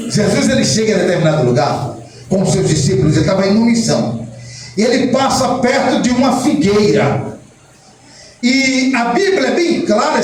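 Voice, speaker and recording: Male pastor, Brazilian accent, very high voice, heated sermon, shouts and acted-out voices, distant mic, booming church echo. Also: slight background noise. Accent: Brazilian Portuguese. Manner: lively preaching, rising to shouts, acting out quoted voices. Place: church hall. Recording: echoey church hall, mic at a distance, music behind.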